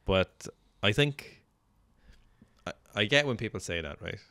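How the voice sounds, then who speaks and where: A man's voice: lowish voice, expressive, unhurried, sharp tone, clean tone, no room sound. A man in his twenties with an Irish accent, co-hosting a casual podcast chat and talking in a hesitant, reflective way. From Ireland. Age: 20s. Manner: hesitant, reflective, many fillers. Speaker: podcast co-host.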